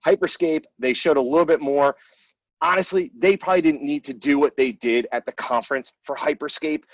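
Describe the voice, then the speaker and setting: A man's voice: a little high, a little fast, no room sound, muffled recording. A man hosting a casual gaming debrief, speaking in a blunt, informal, chatty way. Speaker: host.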